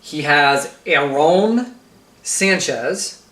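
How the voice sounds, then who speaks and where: A man's voice: fairly high pitch, animated, very slow, a bit bright, echoey room, far from the mic. A man co-hosting a casual fantasy sports chat, dry and teasing, laying out details step by step. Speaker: podcast co-host.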